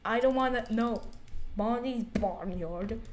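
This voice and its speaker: A woman's voice: a little high, slow. A young woman giving let's play commentary, jumpy and muttering, shrieking at scares. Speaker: gamer.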